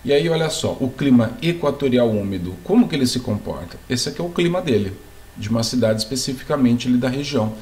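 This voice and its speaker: A man's voice: medium pitch, animated, fast, darkish tone. A man teaching a geography lesson, explaining step by step, asking the class questions and checking in with them as he goes. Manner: asks the class questions, then answers them. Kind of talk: video lesson.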